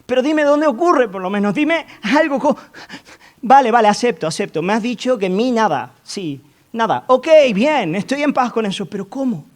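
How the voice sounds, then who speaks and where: A man preaching, putting on the voice of a perplexed man who pleads for answers in halting, insistent questions. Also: very high-pitched, lively intonation, pitched above the performer's own voice. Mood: pleading.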